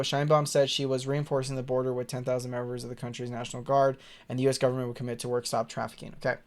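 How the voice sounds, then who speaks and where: A man casually reading aloud and commenting on the news as a streamer, rambling, stumbling over words, blunt and exasperated, with swearing. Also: mid-range voice.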